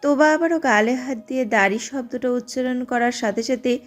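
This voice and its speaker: A woman giving steady, scripted narration of an audio drama. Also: high voice, normal speed, faint music behind. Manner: steady storytelling.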